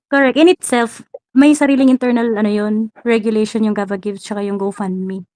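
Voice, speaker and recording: A woman co-host on a livestream who explains points calmly and agrees with the host. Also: medium pitch, a little fast, dry recording. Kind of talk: livestream chat.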